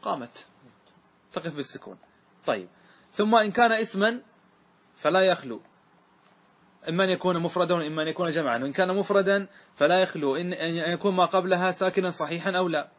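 A man teaching a grammar lesson to a class. He recites verse slowly, asks questions and answers them himself. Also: sits high, a bit bright. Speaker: sheikh teaching Arabic grammar.

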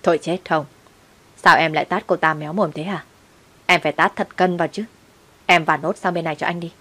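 A woman's voice: sits low, steady tone, a little fast, bright, forceful tone. A woman voicing a bitter, blunt man who is out of prison and speaks with scorn. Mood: mocking. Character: bitter man out of prison, sharp-tongued father.

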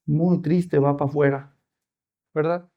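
A man preaching a sermon at a church conference, animated and acting out scenes with humor. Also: fairly high pitch, measured pace, lo-fi sound.

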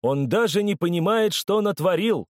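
A loud, excitable old fan with a cane, as a male narrator puts him on. He exclaims and tells the tale with a voice raised in pitch and full of swings. The recording is close and dry, with no room sound. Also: moderate pace, no room sound. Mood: excited. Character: stout older man with a cane, excitable sports fan.

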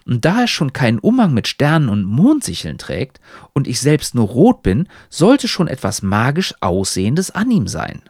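A man's voice: mid-range voice, huge pitch swings, normal speed, a little mellow, dry recording, studio quality. A man voicing a pompous, lecturing old talking hat with a stilted, old-fashioned way of speaking.

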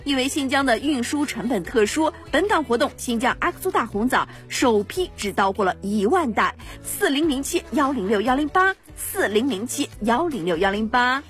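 A woman's voice: on the high side, lively intonation, normal speed, hardly any pauses, fairly bright tone, faint music behind. A woman presenting a radio shopping ad in an insistent hard-sell style, repeating prices and numbers.

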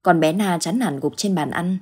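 A woman narrating a ghost story in steady, measured scripted storytelling. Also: lowish voice, breathy edge.

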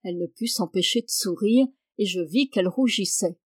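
A woman narrating a classic novel as an audiobook, in a measured, expressive reading. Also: mid-range voice, no echo. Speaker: audiobook reader.

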